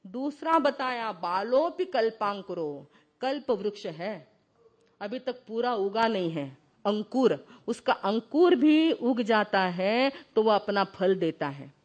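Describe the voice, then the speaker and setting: A woman's voice: medium pitch, lively intonation, takes it slowly, a little mellow. A woman giving a Jain devotional discourse, explaining verses and asking her listeners questions. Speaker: Jain religious teacher.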